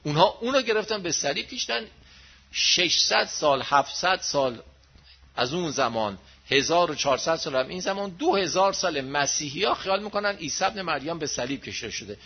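A man's voice: on the high side, animated, husky. A man giving a religious lecture, explaining verses in plain everyday talk and stressing points with emphatic questions. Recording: dull lo-fi recording.

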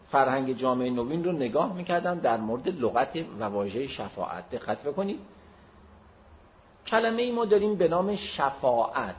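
A man's voice: a little high, slight background noise. Emphatic male religious lecturer, lo-fi. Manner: emphatic, swings loud and soft. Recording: dull lo-fi recording.

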